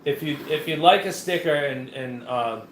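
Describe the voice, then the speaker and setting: A man's voice: fairly high pitch, moderate pace. A man co-hosting a live beer review show, chatting casually and rambling with many fillers and restarts. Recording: echoey room with faint noise.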